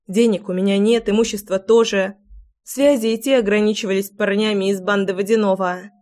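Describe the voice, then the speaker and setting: A woman narrating a first-person audiobook with an expressive, dramatic reading. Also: mid-range voice, brisk.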